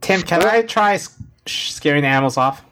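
A man talking casually and haltingly as a player in a tabletop game. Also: on the high side, animated, fairly bright tone, slight background noise. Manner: hesitant, halting.

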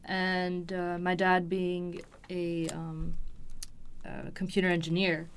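This interview guest, a woman in her 20s from Los Angeles, USA, shares a personal story in a recording studio, hesitantly working out what she means. She talks slowly and monotonously at a fairly low pitch, over a faint hiss or hum.

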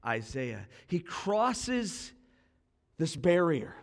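A man preaching a sermon as pastor, telling personal stories with animated dialogue and dropping to a quiet hush for solemn points. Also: a little high, drawn-out words, vocal fry. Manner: animated storytelling, acting out both sides of a quarrel.

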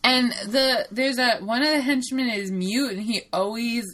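A woman in relaxed conversation about a film, laughing often and tossing in casual swearing. Her delivery is loose and conversational. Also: a little high, a little slow. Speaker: podcast co-host. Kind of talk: casual chat about a movie.

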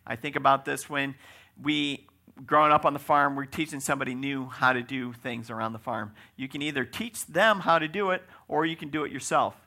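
A man's voice: medium pitch, steady tone, fairly quick, gravelly, bright, forceful tone. A man preaching a conversational sermon in a folksy way, often checking in with the congregation by asking "right?".

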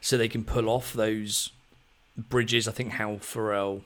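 A man hosting a podcast, chatting about music in a relaxed, thoughtful way with plenty of ums. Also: lowish voice, unhurried. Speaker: podcast host. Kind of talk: casual music chat.

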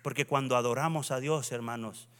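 A male pastor preaching a sermon in a church, swinging from hushed reading to fervent, raised exhortation. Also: mid-range voice, fairly even intonation, fairly quick.

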